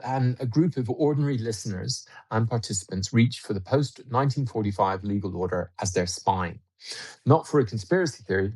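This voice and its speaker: A man, a regular guest commentator on a radio show, talking through his analysis in a measured, explanatory way with frequent restarts. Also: on the low side, darkish tone.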